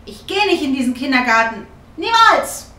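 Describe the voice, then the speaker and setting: A defiant, pouting little girl with a bright, high voice, as a woman storyteller puts her on. She sounds stubborn and sulky. The room is echoey and the mic sits a little way off. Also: lively intonation, unhurried, distant mic.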